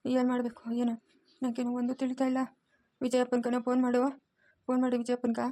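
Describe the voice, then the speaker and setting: An anxious adult daughter in a cartoon story, pleading softly, as a woman voices her. Her voice is mellow and flat. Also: fairly high pitch, fast talker, natural voice.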